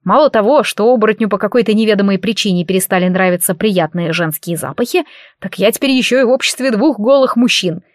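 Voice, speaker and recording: A woman's voice: medium pitch, fast talker, no room sound, clean studio sound, close to an everyday voice. Woman voicing a sarcastic haughty elf man. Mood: weary. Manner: sarcastic, eye-rolling. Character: sardonic armored male elf, haughty.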